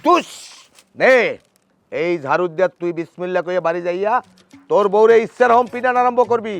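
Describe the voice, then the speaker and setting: A man's voice: high-pitched, fast talker, clean tone, no echo. A man with a Barishal Bengali accent playing a bossy fake healer who chants, in a comedy sketch. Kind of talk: comic sketch acting.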